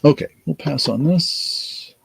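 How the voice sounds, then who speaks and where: Gravelly, tired man running a casual auction. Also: a little high, noisy background. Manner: unhurried, rambling, thinks aloud with many fillers. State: tired, yawning. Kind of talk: casual live-stream auction talk.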